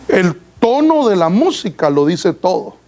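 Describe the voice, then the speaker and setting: A man's voice: high voice, big pitch swings, measured pace, a little mellow, poor audio. A man pastor preaching a sermon in a church, asking the congregation questions and calling them brother. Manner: addresses listeners as brother.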